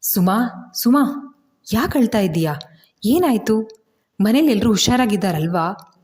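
A woman's voice: lowish voice, normal speed, darkish tone, natural voice. A woman voicing a worried young husband who speaks urgently and then reassures his wife. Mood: concerned.

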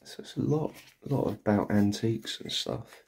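Narrating his tour of a deserted house, this Englishman speaks in a lowish, creaky voice at a moderate pace. He keeps turning to his audience with excited remarks about what he finds inside.

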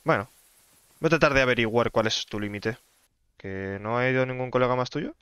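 A man's voice: medium pitch, a little fast, a bit bright, clear, resonant tone, no echo. Playful young man commenting on gameplay. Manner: playful, chatty, talks to his dog in the game. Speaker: gaming YouTuber.

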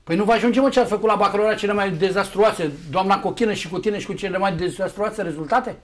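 A middle-aged man argues on a political talk show. His voice sits high, and he attacks his rivals with blunt sarcasm, speaking to them as if they were in the room. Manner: combative, sarcastic, addresses opponents directly. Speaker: political guest.

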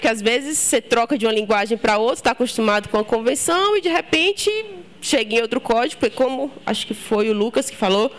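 A young woman from Ceará, giving a short live tech talk in a casual, joking, chatty way with the audience. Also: on the high side. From Ceará, Brazil. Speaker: conference speaker.

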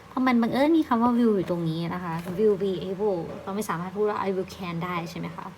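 A woman with a Thai accent teaching English, reading English words slowly and explaining them patiently with polite particles. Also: mid-range voice, a little mellow, a little hiss or hum, poor audio. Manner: slow, careful English reading. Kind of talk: recorded online lesson.

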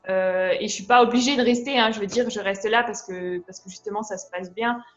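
A young woman from France answers interview questions in a relaxed, halting way, filling her pauses often. Her voice sits at a middle pitch, and faint music plays quietly behind her. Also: dull audio. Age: young adult. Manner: relaxed, hesitant, many fillers. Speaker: guest, au pair. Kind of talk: casual interview.

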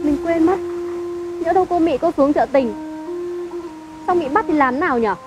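Brief: woman playing a fretful disguised health officer, shrill and hushed. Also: moderate pace, dull audio, over loud music, natural voice. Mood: panicky. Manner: panicky, hushed, fretting. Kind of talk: comedy sketch acting.

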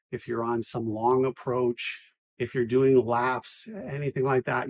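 Husky-voiced male physical therapist explaining. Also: mid-range voice. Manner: methodical, enumerating points. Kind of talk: educational explainer to camera. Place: physical therapy clinic, indoors. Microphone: lapel mic.

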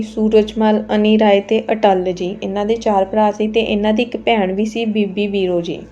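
A woman's voice: mid-range voice, mellow, dull audio. A woman, teaching an exam quiz lesson, reading out each question and its options and then giving the answer politely and patiently.

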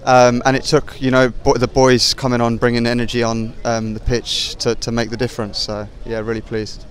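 A young male footballer answers post-match questions outdoors, talking in a flat, even tone. He speaks haltingly, with plenty of fillers and restarts, into a handheld mic. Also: medium pitch. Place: outdoors at a stadium car park.

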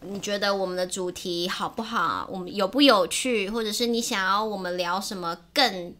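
A cheerful woman from Taiwan co-hosts a relaxed podcast in Taiwanese-accented Mandarin, dropping in English words. Her voice is bright and clear. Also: medium pitch, normal speed. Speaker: podcast co-host. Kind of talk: casual bilingual chat.

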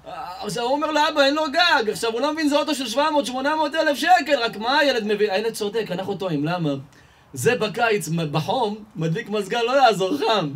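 A man giving a lively Torah lesson to an audience, telling everyday stories and firing rhetorical questions that he answers himself. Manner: animated storyteller, asks and answers his own questions, rises in pitch and volume. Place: live event hall before an audience.

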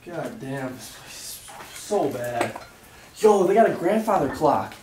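A man's voice: medium pitch, very animated, unhurried, far from the mic. Blunt young man, off-mic in echoey rooms. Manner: blunt, swears often, loud reactions. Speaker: exploring companion. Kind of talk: casual exploring chat. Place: abandoned apartments indoors. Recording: roomy echo, off-mic, background noise.

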